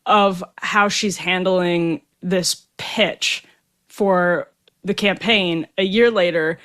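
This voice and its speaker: Political podcast-style interviewer, conversational delivery, mid-range pitch. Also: fairly bright tone. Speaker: interviewer, host.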